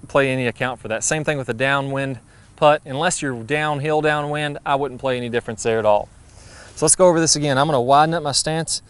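A man, giving a brisk, friendly golf lesson outdoors on a putting green, recorded on a lapel mic. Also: on the high side, clear, resonant tone. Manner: brisk, friendly, practical coaching. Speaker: golf instructor.

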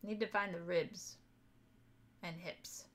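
A woman's voice: fairly low pitch, steady tone, slow, fairly bright tone. A young woman chatting casually and playfully as she plays a board game. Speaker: board game player and show host. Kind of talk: casual game-table chat. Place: indoor room at a game table.

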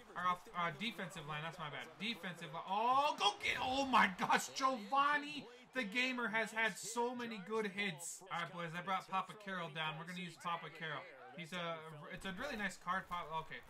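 A young man commentating his own football video game, excitable and yelling at big plays. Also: high voice. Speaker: gaming YouTuber. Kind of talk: gameplay commentary.

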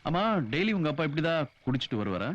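A man's voice: on the high side, animated, fast talker, dull audio, lightly acted. An actor playing a shy, hesitant young working-class man who stammers, in a film scene. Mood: thoughtful. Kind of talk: film dialogue.

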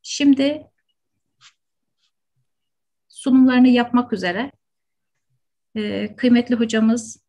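Slow-paced woman moderating formally. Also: on the high side, mellow. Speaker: moderator introducing speakers. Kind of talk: formal academic introduction. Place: indoor room, video call. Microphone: computer microphone on video call.

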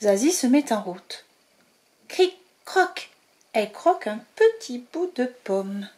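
A woman reading a picture book aloud to children, slow and expressive, talking to her young listeners. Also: a little high. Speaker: storyteller.

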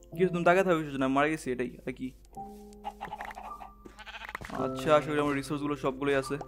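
A young man, quietly commentating his gameplay in a soft, hushed voice late at night. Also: a little high, steady tone, fast, music in the background. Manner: talks softly and quietly, late-night hush. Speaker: gamer channel host.

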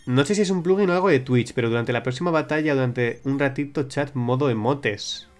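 A man's voice: mid-range voice, brisk, soft background music. Chatty young man streaming. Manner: chatty, rambling, with frequent restarts and swearing. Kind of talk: casual livestream chat reading viewer suggestions.

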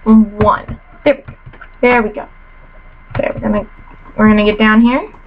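A woman's voice: medium pitch, fairly even intonation, moderate pace, phone-quality sound, a little hiss or hum. A teenage girl commentating her own game casually, chatty and self-mocking with playful trash talk, a little sniffly after a cold, in her bedroom at home. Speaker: gamer commentator.

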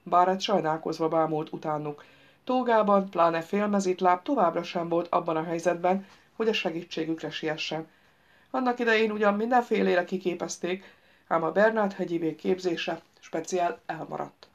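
A woman reading a humorous novel aloud as an audiobook, with lively, wry storytelling, on a dull lo-fi recording. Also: on the low side. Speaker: audiobook narrator.

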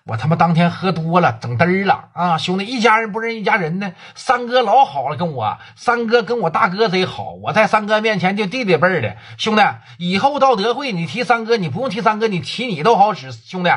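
A loud, boastful small-town gang boss, as a male storyteller puts him on, talking in a husky Northeastern Mandarin voice. He swaggers one moment and fawns the next, pitched a little high. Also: very animated, fairly quick, hardly any pauses, exaggerated voice. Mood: fawning. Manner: swaggering, wheedling.

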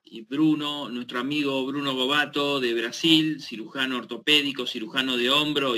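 A man moderating a webinar and introducing a speaker, pausing hesitantly between phrases. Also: mid-range voice, bright, forceful tone.

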